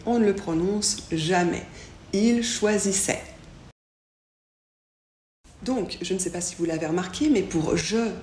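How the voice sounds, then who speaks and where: A woman teaching a French lesson, saying each example slowly and pronouncing it clearly. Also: on the low side, darkish tone. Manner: slow, clearly articulated model pronunciations. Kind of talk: language lesson. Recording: echoey room with faint background hiss.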